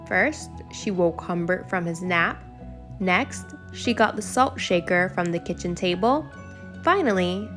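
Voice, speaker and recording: A woman with a medium-pitched voice reads a children's bedtime story aloud. She narrates in an expressive, deliberate storybook style.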